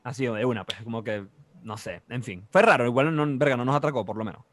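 A young man in his twenties with a Venezuelan accent, telling a story in casual chat, animated and full of slang and sound effects. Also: mid-range voice, quick pace, a little hiss or hum.

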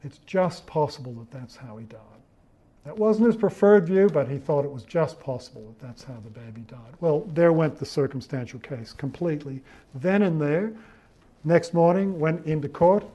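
A man's voice: a little high, normal speed, warm tone, lo-fi sound. A middle-aged man tells courtroom stories to lawyers in a loose, anecdotal style, full of fillers and restarts. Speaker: barrister giving advocacy training. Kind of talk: talk to lawyers on expert witnesses.

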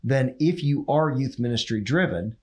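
A man's voice: medium pitch, normal speed. A man co-hosting a ministry podcast, talking animatedly in a coaching tone and repeating phrases for emphasis. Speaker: ministry leader, podcast co-host. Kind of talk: casual ministry podcast conversation.

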